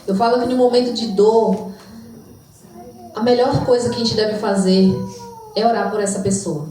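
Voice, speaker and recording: A woman's voice: on the high side, steady tone, normal speed, dark tone, a little hiss or hum. A woman giving an emotional, reflective spoken testimony in church. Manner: emotional, reflective, sometimes sings. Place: church hall. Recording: distant mic in echoey church hall.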